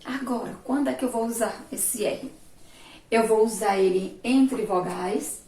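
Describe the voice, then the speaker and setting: Brazilian teacher lady, kinda high voice, far from the mic in a roomy echoey space, slow patient explaining. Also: warm tone. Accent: Sergipe Brazilian Portuguese. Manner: patient, repeats words slowly syllable by syllable. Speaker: primary school teacher. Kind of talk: remote class lesson at a board. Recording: echoey room, recorded from a distance.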